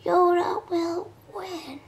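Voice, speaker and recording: A woman voicing a small, old, vengeful villain toy in a breathy, creaky whisper, slow and theatrically menacing, in an amateur puppet skit. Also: very high voice, fairly even intonation, heavily acted. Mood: vengeful menace.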